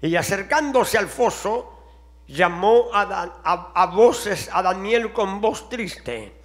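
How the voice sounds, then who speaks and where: A male preacher with a strikingly high-pitched voice delivers a sermon. He moves from hushed, probing questions to loud, fervent shouting. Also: animated, slow pace. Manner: fervent, shifting between quiet questions and shouting.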